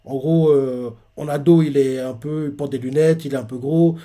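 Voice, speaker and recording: A man's voice: mid-range voice, fairly even intonation, normal speed, warm tone. A man hosting a live manga reaction, retelling a chapter in a rambling way full of fillers.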